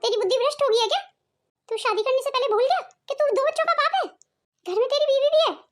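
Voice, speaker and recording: A cartoon matriarch, old and stern, who lectures her family with proverbs , voiced by a woman. Her voice sits extremely high and the words tumble out fast. She sounds scolding and blunt. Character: stern elderly Indian mother-in-law, blunt. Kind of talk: cartoon soap voice acting.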